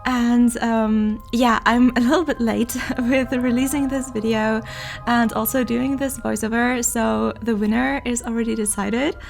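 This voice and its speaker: A woman's voice: a little high, flat delivery, unhurried, creaky, soft background music. A young woman in her twenties chatting in a casual voiceover, her voice nasal and congested from allergies, laughing often between words. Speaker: game building content creator.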